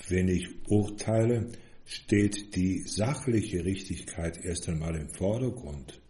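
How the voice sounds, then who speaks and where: A man giving an earnest, measured sermon as a priest. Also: deep voice, warm tone. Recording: echoey room.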